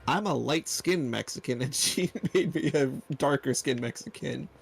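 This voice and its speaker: A man with a gravelly, creaky voice chats casually while playing a game on a friend's stream. He drifts into rambling stories, with faint music underneath. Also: mid-range voice, normal speed. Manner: rambling storyteller. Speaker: guest player. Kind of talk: casual let's-play chat.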